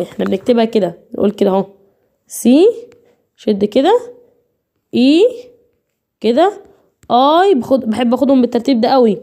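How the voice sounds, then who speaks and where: A woman's voice: high voice, dark tone. A woman with an Egyptian accent teaching English online, repeating and drilling each point while addressing her students directly. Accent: Egyptian Arabic. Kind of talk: online lecture.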